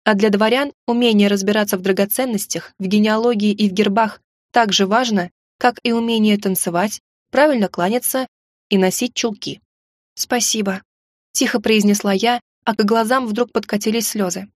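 A woman reading a first-person audiobook with expressive, emotional storytelling. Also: mid-range voice, a little fast, dry recording, clean studio sound. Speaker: audiobook narrator.

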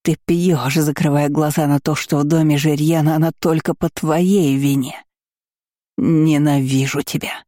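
A woman voicing a furious, scheming middle-aged baroness who talks in a slow, shrill and cutting way. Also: steady tone, dark tone, no echo, clean studio sound.

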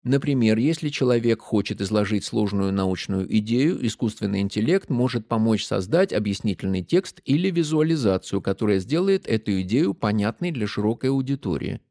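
A man narrating a nonfiction audiobook who reads a passage aloud in a deliberately mechanical, robot-like voice. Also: on the low side. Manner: reads the AI's text aloud in a flat machine-like way. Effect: mechanical robot-like reading voice.

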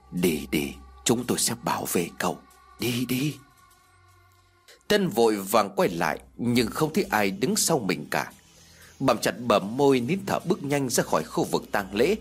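A man narrating an audiobook ghost story in expressive storytelling fashion. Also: mid-range voice, husky.

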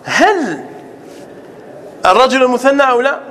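A man's voice: extremely high pitch, sing-song, unhurried, a bit bright, slight background noise. A male scholar teaching a classroom grammar lesson, repeating example sentences and quizzing his listeners as he explains.

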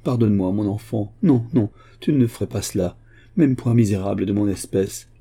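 A man's voice: fairly low pitch, a little fast, creaky, warm tone. A man voicing a frightened, guilty father who is a murderer. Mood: shaken. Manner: agitated, fearful.

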